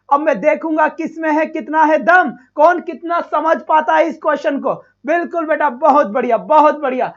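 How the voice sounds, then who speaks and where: A male teacher leads a live online exam-prep class with a strikingly high voice. He talks with relentless energy, showering students with loud praise. The stream audio is dull and lo-fi.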